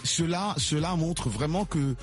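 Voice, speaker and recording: A man's voice: fairly high pitch, a little slow. A man of Congolese origin hosting a radio show, interviewing a guest and making on-air announcements with sing-song emphasis and repeated words. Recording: radio broadcast with music bed.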